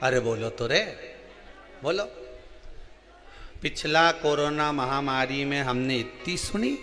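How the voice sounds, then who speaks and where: A man with a central Indian Hindi accent preaching a sermon, telling a story with acted dialogue and swinging between soft and loud. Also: mid-range voice, slow, in a large hall, faint music behind.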